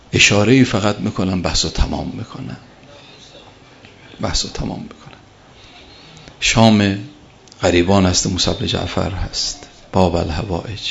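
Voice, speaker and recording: A man's voice: low voice, gravelly, a bit bright, dull audio. A man preaching a sermon and telling a story, emphatic and repeating his key phrases.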